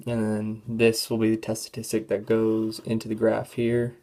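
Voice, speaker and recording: A teenage student walks through a statistics problem on a calculator, hesitating with many fillers and clearing a voice that is going hoarse. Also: mid-range voice, monotone, warm tone. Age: teens. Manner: halting, filler-heavy, thinking aloud. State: losing voice, throat clearing. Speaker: student presenter. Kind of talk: classroom walkthrough of a calculator test.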